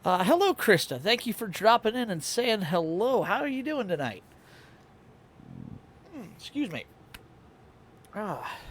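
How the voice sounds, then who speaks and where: A young man chatting casually on a live stream, playful and fond of toying with his voice, with the hiccups. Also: very high-pitched. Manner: playful, plays with his voice and octaves.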